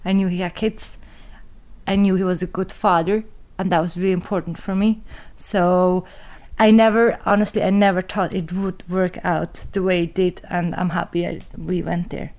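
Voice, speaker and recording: A woman from Switzerland answering interview questions candidly, her phrasing a little halting. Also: on the low side, fairly even intonation, a little mellow.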